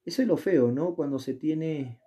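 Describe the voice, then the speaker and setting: A man with a slightly high, mellow voice that has a breathy edge talks at normal speed while tutoring geometry. Sitting indoors at a desk with the camera filming his worksheet from above, he keeps the worked-problem lesson casual and chatty. He often asks the viewer questions and talks himself through the steps as he solves.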